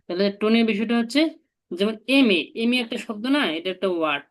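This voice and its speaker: This language teacher talks fast, her medium-pitched voice expressive. Patiently, she breaks each point into steps and prompts the learner to say things back.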